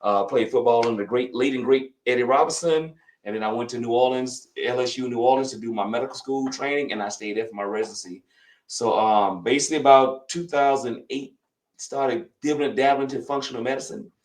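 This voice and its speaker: A Southern-accented physician from Louisiana, a man in his fifties, guests on a casual interview, rambling folksily and repeating himself often. His mid-range voice moves briskly. The audio is low quality and full of reverb.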